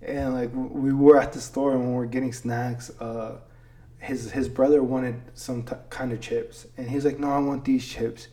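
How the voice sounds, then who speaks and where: A man's voice: medium pitch, little pitch movement, moderate pace, warm tone. A young man hosting a podcast, casually telling family stories and dropping "dude" and "like" all the time. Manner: laid-back, peppers speech with "dude" and "like". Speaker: podcast host. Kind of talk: casual storytelling chat.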